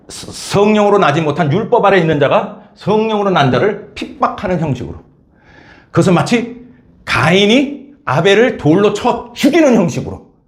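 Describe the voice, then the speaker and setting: A male preacher giving a lively, story-driven sermon, often prompting listeners with "예?" and "여러분". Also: sits high. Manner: animated storytelling, frequent "예?" and "여러분".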